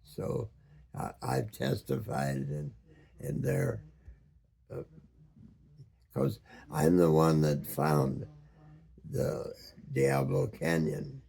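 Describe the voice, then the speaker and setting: A very old man, over a hundred, a former boat captain reminiscing in a halting way, searching for words with long pauses and many ums. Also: mid-range voice, dark tone. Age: over 100, very old man. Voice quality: very aged, gravelly, husky voice. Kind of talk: slow reminiscing storytelling.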